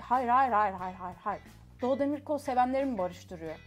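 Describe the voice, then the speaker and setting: A woman with a bright, high voice hosts a casual guessing game. She feeds her guests riddle-like clues and waves off wrong answers with a teasing "no, no." Faint music plays quietly underneath. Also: animated, fairly quick. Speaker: co-host.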